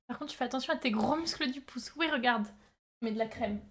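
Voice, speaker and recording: Higher-voiced woman chatting casually on stream. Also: fairly quick, noisy background. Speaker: live streamer making pottery. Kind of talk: casual chat with stream viewers.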